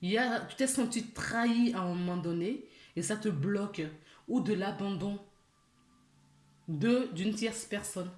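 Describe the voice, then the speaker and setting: A woman delivers a spiritual guidance reading at an unhurried, deliberate pace, talking straight to the listener and asking many searching questions. Her mid-pitched voice carries a roomy echo. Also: darkish tone. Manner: slow, questioning, addresses listener directly. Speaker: spiritual channeler.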